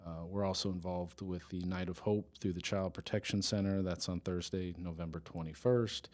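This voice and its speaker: A man with a very low, deep voice talks through a casual podcast interview about his police department's work. He is earnest, stops and restarts often, and laughs easily. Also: steady tone, moderate pace, darkish tone. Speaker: police department chief of staff, guest.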